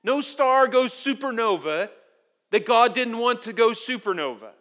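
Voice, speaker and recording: Animated high-voiced preacher. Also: male voice, a little slow. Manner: animated storytelling, swings from quiet to loud. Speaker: pastor. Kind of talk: sermon. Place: church sanctuary.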